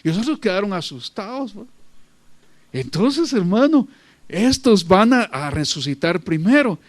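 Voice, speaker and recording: A high-pitched man preaching with emphatic, repetitive phrasing. He keeps calling out to his listeners as brother. The sound is dry and close, with little room. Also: sing-song, a little slow, no echo. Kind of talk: sermon.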